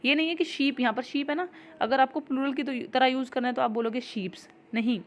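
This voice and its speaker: A woman teaching an exam-prep grammar lesson, explaining patiently and reading example sentences slowly. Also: high voice, steady tone, a little hiss or hum.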